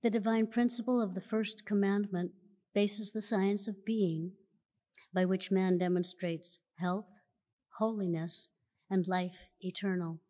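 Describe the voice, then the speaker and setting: In a large church auditorium, a woman reads scripture at the lectern slowly and formally, in a solemn, measured way. Her medium-pitched, slightly mellow voice stays fairly even, picked up by a lectern mic from a far camera with long hall reverb.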